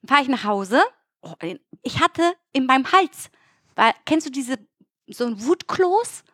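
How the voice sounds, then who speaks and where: Young woman, high voice, dry close sound, animated swearing storyteller in casual chat. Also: measured pace, no room sound. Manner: animated, swearing, acts out dialogue.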